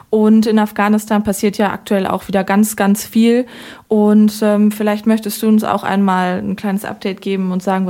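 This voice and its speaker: A woman hosting a local radio interview, speaking in a friendly, clear way. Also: medium pitch, warm tone. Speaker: radio host.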